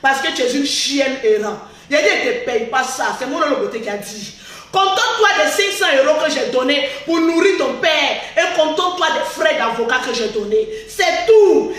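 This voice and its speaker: A woman blogger giving a boastful, taunting livestream rant, often laughing and shouting. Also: high-pitched, expressive, normal speed. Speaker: social media blogger. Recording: very echoey, far from the mic.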